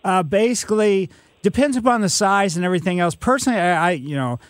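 A man's voice: fairly high pitch, no echo. Folksy older man hosting call-in radio. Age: 60s. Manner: folksy, rambling, full of "you know". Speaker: radio gardening show host. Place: radio studio.

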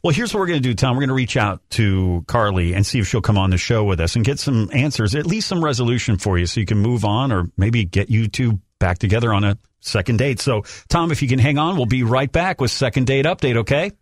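A man co-hosting a morning radio phone-in show with a smooth radio host delivery. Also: mid-range voice, animated, fast talker, hardly any pauses, no echo, studio quality.

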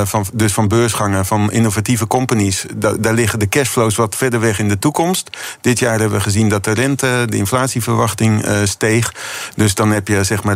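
A man with a fairly low voice explains market mechanisms as a studio guest, pausing often with fillers and restarts. The sound is dry and close, with no room echo. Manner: explanatory, hesitant with many fillers. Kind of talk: radio finance discussion.

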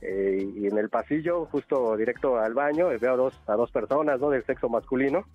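A man's voice: mid-range voice, fairly quick, faint music behind. A man with a Mexican accent calling a radio show over a telephone line, rambling as he tells gossip and often chuckling. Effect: heard over a telephone line. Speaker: radio call-in caller. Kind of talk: casual phone chat, telling gossip. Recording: dull, muffled phone line.

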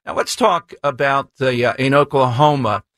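A man's voice: mid-range voice, normal speed, fairly bright tone, no echo, studio quality. An American man hosting a talk radio interview, framing his questions in a polite, discursive, conversational way. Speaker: radio talk show host. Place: radio studio.

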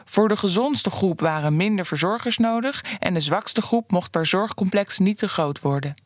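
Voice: mid-range voice, animated, moderate pace, no room sound, clean studio sound, lightly acted. A narrator reading the lines of a stubborn older man living in a care home, in a plain storytelling voice. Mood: recounting.

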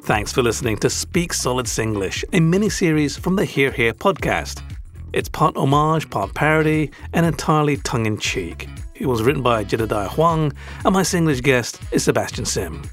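Casting: British male podcast host, rigidly formal and wordy, lively intonation, mock-educational scripted read. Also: mid-range voice, normal speed, soft background music. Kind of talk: scripted, tongue-in-cheek educational narration.

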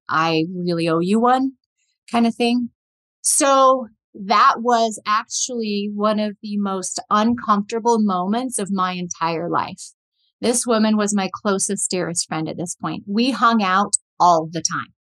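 A woman's voice: medium pitch, a bit bright, no room sound, rough recording. A middle-aged woman hosting a podcast, telling a personal story and giving direct, earnest advice to listeners she calls friends. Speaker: podcast host.

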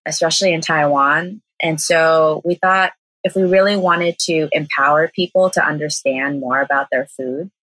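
A deep, slightly bright female voice talks at normal speed with fairly even intonation and hardly any pauses, on a dry, rough recording. She's a young Southern Californian vegan cafe owner with an American accent, casually chatting as a guest, laughing frequently and saying "like" a lot.

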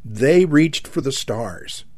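A radio talk show host in his seventies speaks in a husky, slightly breathy, dark-toned voice at a middle pitch for a man. His animated, folksy monologue rambles, halting and restarting with many fillers and repeated words as he calls listeners "my friends." The recording is dry and close, with no room around it.

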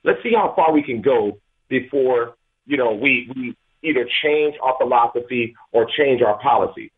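Calling in to a sports talk radio show on speakerphone, a man from Atlanta, USA, rambles and keeps restarting his sentences. His mid-range voice has a breathy edge, and the call line sounds tinny.

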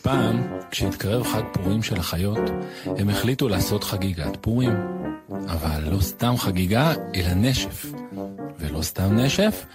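A man radio host reading a children's story aloud in an animated storytelling manner. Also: on the low side. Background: music.

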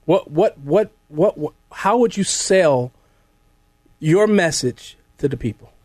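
A man's voice: fairly high pitch, animated, slow pace, a little mellow, dry recording. An American man hosting a conversational live talk radio show from a studio.

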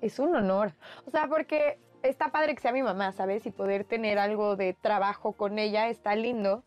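A young Mexican woman, a singer and interview guest, telling quick bubbly anecdotes in a casual chat, acting out the voices of others. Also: medium pitch, a little mellow, muffled recording, soft background music.

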